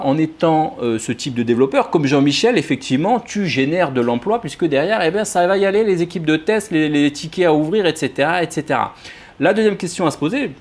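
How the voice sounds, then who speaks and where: A man's voice: fairly high pitch, a little mellow. Casual, joking French-speaking developer man. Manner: informal, addresses viewer as "tu", frequent restarts and hesitations; jokey, sarcastic asides. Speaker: software developer explaining testing. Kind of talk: casual explainer vlog.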